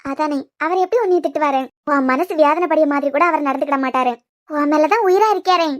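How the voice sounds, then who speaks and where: A woman voicing a gentle elderly grandmother in a cartoon series, speaking with a Kanyakumari accent in a coaxing, motherly, scolding way. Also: sits high, a little fast, close to an everyday voice. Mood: soothing. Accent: Kanyakumari Tamil. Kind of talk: cartoon web series voice acting.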